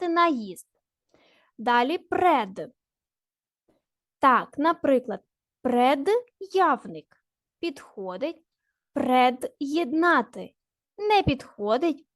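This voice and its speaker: A woman teacher giving a recorded grammar lesson to children, slowly and deliberately spelling out the parts of each word. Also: sits high, dry recording, clean studio sound.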